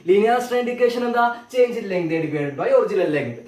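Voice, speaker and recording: A man with a Malayali accent teaching a physics lecture. He asks his students questions, answers them himself and repeats key terms slowly. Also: high voice, lively intonation, darkish tone, far from the mic. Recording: echoey room, voice from off the mic.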